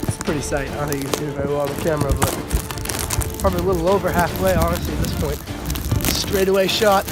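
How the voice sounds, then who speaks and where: Young man with a high, hoarse voice; dry self-mocking phone vlog outside in a storm over loud music. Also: rapid-fire. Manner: wry, self-mocking, deadpan. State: hoarse, coughing from a cold. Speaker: vlogger's friend. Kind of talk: self-filmed walking vlog. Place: outdoors in a blizzard on a street. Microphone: phone held while walking.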